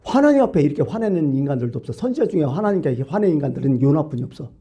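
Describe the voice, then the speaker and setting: A man preaching in a church, his somewhat high voice swinging widely in pitch as he tells the story. His tone is very dark and mellow, with a husky edge, and he keeps drawing the congregation in with rhetorical questions. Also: very animated, racing. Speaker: pastor. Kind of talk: sermon.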